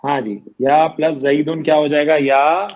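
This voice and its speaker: A man's voice: fairly high pitch, flat delivery, a little mellow, lo-fi sound, a little hiss or hum. A man teaching grammar in an online lecture, explaining patiently, quizzing his students and repeating each point.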